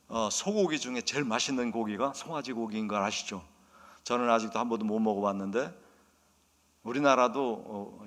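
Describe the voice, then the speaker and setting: Man preaching in a reverberant church. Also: mid-range voice. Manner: storytelling sermon, acts out quotes, swings from soft asides to loud emphasis. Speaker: pastor. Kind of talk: sermon. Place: church sanctuary. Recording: long reverb of a church hall.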